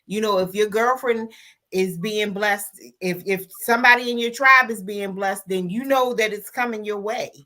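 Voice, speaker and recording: A woman's voice: medium pitch, moderate pace, bright, forceful tone. An American woman co-hosting a casual chat in a playful, teasing manner. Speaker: co-host.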